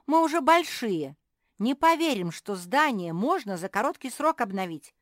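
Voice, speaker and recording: A woman voicing a loud, bossy young female pug who teases and shouts in a shrill voice for a storybook reading. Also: sing-song, normal speed, no echo, clean studio sound. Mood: teasing.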